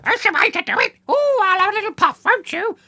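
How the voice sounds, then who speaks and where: A man voicing the Punch puppet, a cheeky trickster who speaks in a shrill, squawky singsong and talks to the children. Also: big pitch swings, brisk, bright, forceful tone, full character voice.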